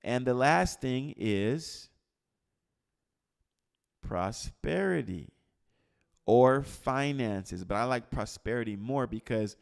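Male preacher, mid-range voice, teaching a live group; calls on listeners by name, goes from loud to hushed. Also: medium pitch, takes it slowly, gravelly, pauses often. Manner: quizzes the room, calls on people by name; animated, swings from loud to hushed. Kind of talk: interactive sermon. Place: church gathering with a live group.

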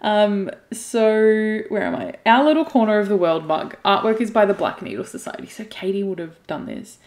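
A woman's voice: medium pitch, expressive, moderate pace, a little mellow, reverberant. A woman chatting casually as she unboxes craft goods, gushing, emotional and laughing often. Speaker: cross stitch vlogger.

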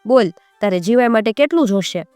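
A woman voicing a foolish male folk-tale king who hands down quick rulings. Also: a little high, expressive, darkish tone, no echo, soft background music, natural voice. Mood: commanding. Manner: commanding, quick to rule. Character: foolish decree-giving old-time male king.

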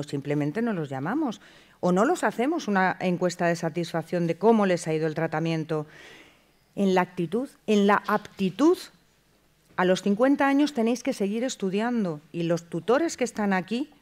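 An animated woman from lectures a conference audience in a mid-range voice. She keeps the talk lively with rhetorical questions and short acted-out phone exchanges. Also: mid-range voice, moderate pace. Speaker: conference speaker. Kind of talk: lecture at a clinical communication conference.

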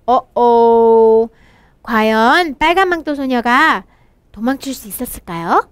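Lively high-voiced woman teaching kids. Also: takes it slowly, clean tone. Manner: animated, asks questions then answers them; switches between reading English lines and explaining them. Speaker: English teacher for children. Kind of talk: children's storybook English lesson.

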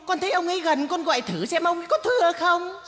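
A woman's voice: very high voice, expressive, quick pace. A woman playing a cheeky, punning male clown servant in a traditional chèo stage comedy, full of teasing wordplay and sing-song quips. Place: theater stage. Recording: stage hall, loud live music.

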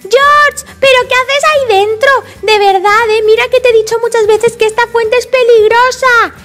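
A woman's voice: extremely high pitch, over loud music, voice pushed up. A woman doing a bossy little piglet sister. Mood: scolding. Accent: Spain Spanish. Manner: scolding, fussing, quick sighs. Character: bossy little girl pig, big sister.

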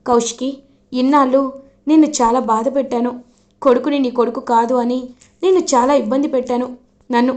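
A woman voicing a stubborn older mother-in-law in a serial recap, speaking in a shrill, insistent way. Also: steady tone, brisk, pauses often, darkish tone, lightly acted. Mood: remorseful.

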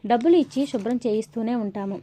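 A woman voicing a gentle, fatherly older male landlord in a storybook reading. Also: extremely high pitch, fast talker. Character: kindly older male landlord, caring uncle type. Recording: dull lo-fi audio.

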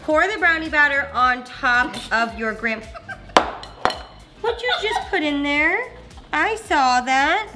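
A woman's voice: high voice, expressive, slow. A young woman co-hosting a cooking show in casual, giggly, tipsy, playful banter with some swearing, recorded across a kitchen counter. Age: young adult. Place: bright home kitchen. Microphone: camera across the counter. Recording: echoey room with music. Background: background music.

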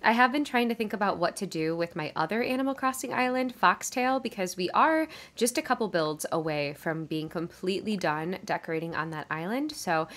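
A woman's voice: on the low side, expressive, a little fast, hardly any pauses, a bit bright. A young woman gushing in casual gameplay commentary, with a sleepy morning voice. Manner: bubbly, gushing, chatty. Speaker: gaming YouTuber.

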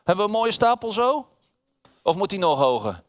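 A man's voice: sits high, normal speed, dry recording, clean studio sound. Een man leest een kinderverhaal voor aan een groepje kinderen, speels en met veel beweging in zijn stem. Hij spreekt de kinderen direct aan. Droog en dichtbij opgenomen, zonder galm. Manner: lively, playful, addresses children. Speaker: alderman reading to children. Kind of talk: reading a children's story aloud. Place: room with children present.

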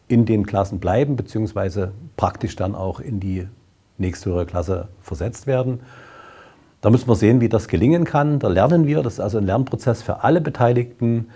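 A man in his sixties, a school principal, speaking formally and at a measured pace to the camera in a classroom, on a lapel mic. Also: on the low side, dark tone, breathy edge. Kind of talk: welcoming, explanatory address to camera.

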